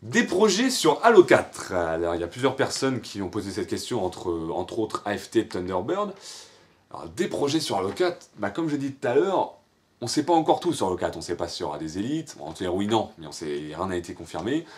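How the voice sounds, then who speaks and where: Low-voiced young Frenchman rambling casually. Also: animated, a little fast. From France. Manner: rambling, filler-heavy, slangy and informal. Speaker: machinima creator answering viewer questions. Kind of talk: casual FAQ monologue.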